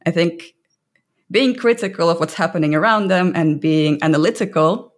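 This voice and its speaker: A woman's voice: lowish voice, moderate pace. Thoughtful woman artist. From Russia. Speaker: artist on a panel. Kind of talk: panel discussion.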